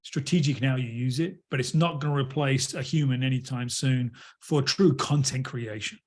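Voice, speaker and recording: A man's voice: medium pitch, moderate pace, darkish tone. Man summing up points in conversation. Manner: sums up others' points, brief backchannels. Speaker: discussion participant.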